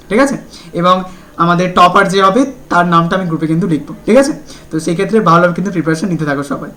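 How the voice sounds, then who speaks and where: ধীরে ইংরেজি পড়ে বাংলায় বোঝানো শিক্ষক. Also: male voice, high voice, a bit bright. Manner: explains in Bengali, reads English syllabus slowly, often asks "ঠিক আছে?". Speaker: teacher. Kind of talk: online class lecture.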